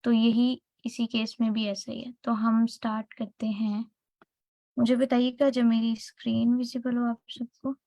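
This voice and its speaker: Higher-voiced woman teaching an online class. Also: little pitch movement, a little slow, dark tone, dry recording, rough recording. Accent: Pakistani. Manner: explains step by step, checks in with students often.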